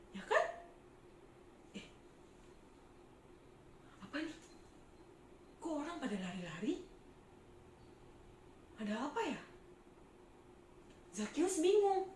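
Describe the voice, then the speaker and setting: Woman, Sunday school teacher, animated children's storytelling, unhurried, roomy sound. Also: high voice, a little hiss or hum. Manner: animated, asks children questions.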